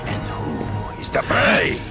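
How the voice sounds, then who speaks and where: An actor playing a proud, menacing hunter villain in a video game, grandiose and formal, with a gravelly voice. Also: male voice, slow pace, loud music behind the voice, natural voice. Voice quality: very deep, gravelly.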